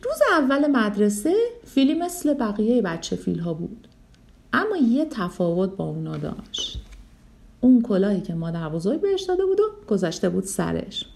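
A woman with a gravelly, mid-range voice gives a dramatic, expressive reading of a children's story.

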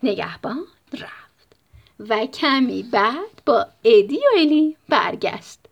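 A woman reading a bedtime story with a husky, breathy voice. Her pitch swings expressively and she often slips into a whisper. She speaks gently to young listeners. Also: big pitch swings, lo-fi sound.

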